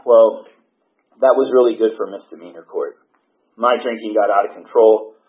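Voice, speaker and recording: A man's voice: lowish voice, moderate pace. A man giving a candid personal testimony from a podium at a recovery meeting, telling his story plainly. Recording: dull, muffled recording.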